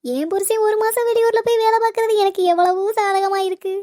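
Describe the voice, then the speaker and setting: A woman voicing a bossy, whiny young wife in a cartoon comedy, pleading in a shrill, whining way. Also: steady tone, brisk, dark tone. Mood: smug scheming. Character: bossy, whiny young wife who beats her husband. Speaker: visiting sister-in-law.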